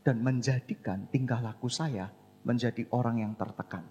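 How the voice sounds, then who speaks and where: A male pastor delivers a sermon in a church, his voice leaping up and dropping low as he calls out to the congregation as brothers and sisters. His pitch sits in a middling range. A long reverb trails after every phrase, as in a big church hall. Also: normal speed, slightly rough, muffled recording, soft background music. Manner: animated preaching, sudden jumps in pitch and loudness.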